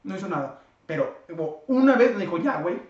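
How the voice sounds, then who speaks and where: Insistent high-voiced Mexican man. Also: sing-song, fast. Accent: Mexican Spanish. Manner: insistent, fillers every phrase. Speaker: podcast co-host. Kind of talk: casual debate. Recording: echoey room, distant mic, dull sound.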